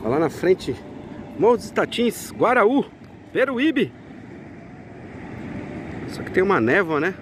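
A man's voice: high voice, big pitch swings, measured pace, pauses often, background noise. A man, chatting casually to viewers while walking a market and a beach, recorded on a handheld phone outdoors. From Brazil. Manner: chatty, keeps addressing viewers as friends. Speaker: vlogger.

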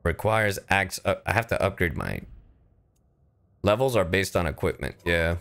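A streamer gives casual, profane commentary while playing a video game, exclaiming and muttering to himself over game sound and video game ambience. His deep voice has lively intonation, normal speed, and vocal fry, sounding a bit bright and smooth.

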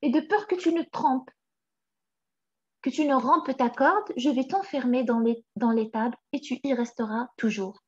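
A woman's voice: high voice, a little slow, breathy edge. A woman voicing a kindly, worried old goat farmer in a storybook reading, fretful and pleading. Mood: exasperated. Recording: slightly dull recording.

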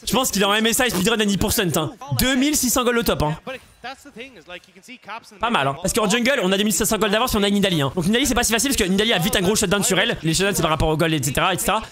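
A man co-casting an esports match on his stream, animated, swearing and shouting at plays while talking to his chat. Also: sits high, racing. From Portugal. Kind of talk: excitable casual commentary. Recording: crowd noise from match stream behind.

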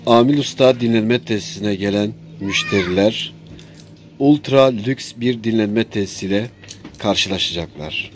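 A man's voice: fairly low pitch, a little slow. A man presenting a local promotional video in semi-improvised narration. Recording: noisy on-location sound with ambience.

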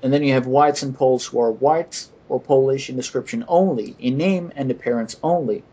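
Husky man hosting a podcast. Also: mid-range voice, warm tone. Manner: hesitant, halting, frequent restarts. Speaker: podcast host. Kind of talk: casual podcast discussion.

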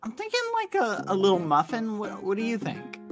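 A woman in a comedic skit, talking hesitantly and shouting in outrage as it heats up. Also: mid-range voice, huge pitch swings, brisk, music in the background.

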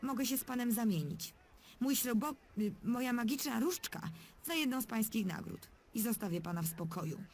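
A young woman voicing a calm, matter-of-fact heroine in a dubbed adventure game. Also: on the high side, normal speed, soft background music. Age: young adult. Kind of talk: game dub voice acting.

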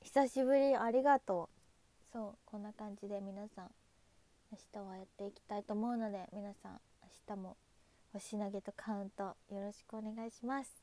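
A woman's voice: mid-range voice, little pitch movement, fairly quick, mellow. A young woman chatting casually on a livestream, thanking viewers by name and saying goodnight. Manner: chatty, reads viewer names and thanks them, waves goodbye. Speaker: idol livestreamer.

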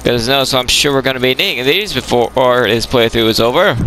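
A man's voice: medium pitch, a little fast, bright, forceful tone, slight background noise, low-quality recording. A man hosting a gaming video with casual, wry and jokey play-along commentary. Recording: game music behind the voice. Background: video game music.

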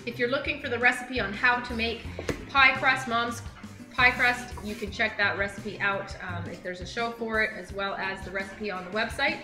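A woman's voice: on the high side, fairly even intonation, moderate pace, reverberant, over music, poor audio. A woman in her thirties hosting a home cooking video in her kitchen, chatty and enthusiastic, praising the food as she explains each step. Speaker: cooking show host.

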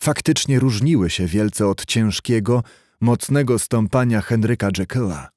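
A man reading a literary audiobook in a measured storytelling way. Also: lowish voice, darkish tone, no room sound, studio quality. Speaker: audiobook narrator. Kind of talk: scripted literary narration.

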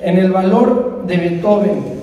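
A man's voice: sits high, takes it slowly, highs cut off. A man at a book launch reading a lyrical, solemn tribute speech into a table microphone. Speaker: presenter of the book. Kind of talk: read poetic tribute speech. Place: book launch hall, indoors. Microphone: table microphone at the panel. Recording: distant, echoey hall with noise.

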